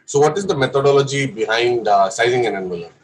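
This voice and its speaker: Speaking fast in a mid-range voice, a young Indian English-accented man delivers a technical lecture for a course session, explaining things carefully but with frequent fillers. He's coughing, and the recording quality is rough.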